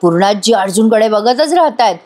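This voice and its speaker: A woman giving a voice-over recap of a TV serial, telling the story briskly with sympathetic asides. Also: mid-range voice, expressive, a little mellow.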